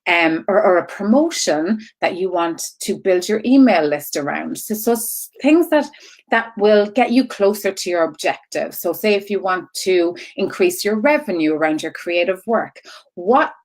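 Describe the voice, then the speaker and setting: A woman's voice: on the low side, animated, normal speed. A woman coaching in an informal live-stream style, rambling off on tangents and circling back, repeating herself and checking in with listeners as she goes. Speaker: online business coach.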